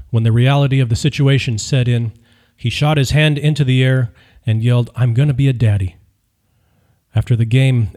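Very dark-voiced male audiobook narrator. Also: mid-range voice. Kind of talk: scripted narration.

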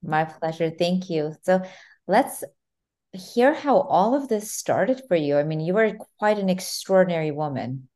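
A woman's voice: fairly low pitch, expressive, a little slow, darkish tone. A woman hosting an interview podcast, eager and enthusiastic with her guest. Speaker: podcast host. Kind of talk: scripted intro, then interview chat.

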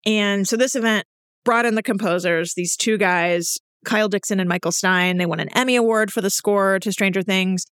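A woman's voice: medium pitch, fairly even intonation, normal speed, fairly bright tone, smooth, no room sound. An enthusiastic woman hosts her podcast in a casual monologue, gushing like a proud self-described nerd. Her voice sits mid-range and is recorded dry with no room sound. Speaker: podcast host.

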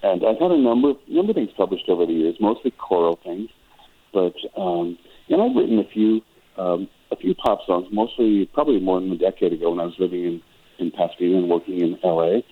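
A very low-voiced older man from Wisconsin chats as a radio guest, thoughtful and meandering, often restarting his sentences. His voice comes through thin and tinny, like a phone line. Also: expressive, fairly quick. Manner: reflective, rambling with frequent restarts. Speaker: guest musician and choral director. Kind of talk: radio interview chat.

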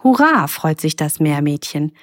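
A woman reading a children's story aloud with a lively read-aloud manner. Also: deep voice, unhurried.

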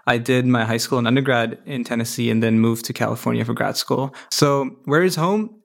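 Man in his twenties from India, podcast guest, gravelly voice, modest and reflective. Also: mid-range voice, fairly quick. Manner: modest, reflective, with fillers and restarts. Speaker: podcast guest, PhD student. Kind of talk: casual interview chat.

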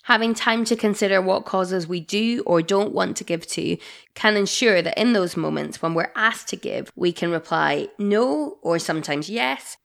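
A woman's voice: fairly low pitch, vocal fry. A woman co-hosting a casual podcast, teasing her co-host in a playful way.

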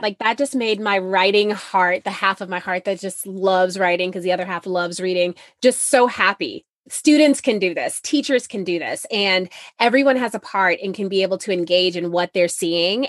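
A woman's voice: mid-range voice, a bit bright, dry recording, clean studio sound. A woman hosting a podcast, responding to her guest with effusive, enthusiastic praise. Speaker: podcast host. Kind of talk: conversational interview.

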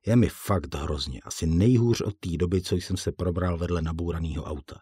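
A man's voice: deep voice, mellow, breathy edge, dry recording, studio quality. A man narrating an audiobook in the first person, in a blunt, colloquial way with casual swearing.

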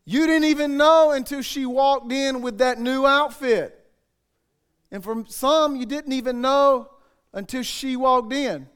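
A man's voice: very high voice, unhurried, a bit bright, clear, resonant tone. A male pastor preaching a sermon in a conversational, joking way with asides to the congregation.

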